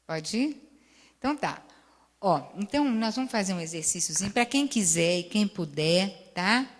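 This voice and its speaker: A woman's voice: mid-range voice, moderate pace. A woman with a Brazilian accent, a therapist giving a lecture and telling case stories, who often acts out the dialogue and keeps checking in with "né?". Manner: lively storyteller, acts out dialogue, frequent "né?" tags. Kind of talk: lecture with anecdotes, audience Q&A. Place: lecture hall. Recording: long hall reverb.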